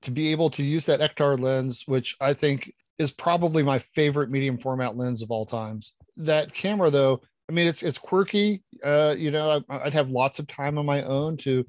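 A man's voice: on the high side, normal speed, hardly any pauses, no room sound. Man chatting in a dry, close sound. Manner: enthusiastic, rambling with many restarts. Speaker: podcast panelist. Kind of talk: casual chat.

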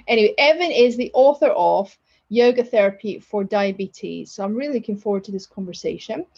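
A woman's voice: medium pitch, gravelly, darkish tone, dull audio. A woman co-hosting a podcast in a chatty, self-deprecating way, laughing often. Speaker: podcast co-host. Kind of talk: casual podcast chat.

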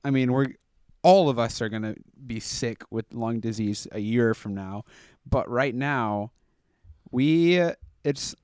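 A man co-hosting a casual comedy podcast, joking around and laughing often, sometimes reading aloud slowly with heavy pauses. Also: mid-range voice, a little mellow, clean tone, no room sound, studio quality. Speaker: podcast co-host.

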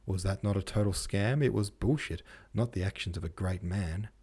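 A man's voice: low voice, moderate pace, darkish tone, slightly rough. A man voicing a contemptuous, blunt aristocrat. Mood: sneering. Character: cynical sneering young male aristocrat.

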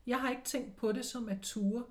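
A middle-aged woman in a casual interview, telling her story reflectively and acting out the voices she quotes. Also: a little high. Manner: reflective storytelling, animated quoting of inner voices. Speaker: interview guest, clairvoyant.

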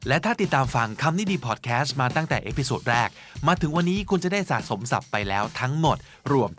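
A man's voice: a little high, big pitch swings, fast, a bit bright, soft background music. A man hosting a podcast, teaching English vocabulary in a chatty, encouraging way and mixing in English terms. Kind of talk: casual explanatory teaching.

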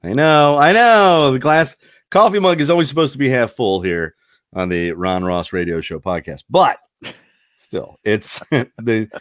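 A man's voice: mid-range voice, unhurried, a bit bright, no room sound, studio quality. A man hosting a casual podcast chat, rambling and wandering off on tangents. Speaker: podcast host.

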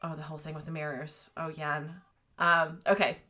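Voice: medium pitch, level tone, moderate pace, bright, forceful tone. A podcast co-host in a casual book discussion, chatty with many fillers, reading passages aloud.

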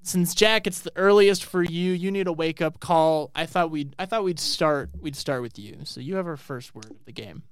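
An American man from Colorado hosts a casual spelling quiz with a teasing, laugh-prone manner. His voice sits a little high and sounds smooth and clear, recorded dry and close. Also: normal speed, few pauses, dry recording. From Colorado, United States. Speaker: quiz host. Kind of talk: casual podcast chat. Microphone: studio microphone.

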